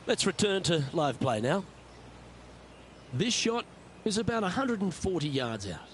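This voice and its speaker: Male golf commentator for a video game, slightly high voice, clear background noise. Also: big pitch swings, a little slow. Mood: measured, approving.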